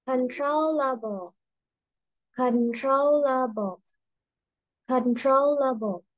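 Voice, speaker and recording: A woman with a high, bright-toned voice leads an online pronunciation lesson at an unhurried pace. She patiently repeats each word slowly and clearly. Her voice comes through a video call and sounds dry and close. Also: no echo, lo-fi sound. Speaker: English pronunciation teacher. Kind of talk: online class teaching.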